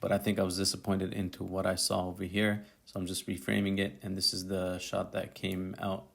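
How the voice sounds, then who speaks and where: A man's voice: deep voice, completely flat delivery, a little fast, gravelly, a bit bright. A male photographer narrating his tutorial video as a voice-over, in a casual, slangy way that sounds like thinking aloud. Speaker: photographer and YouTuber.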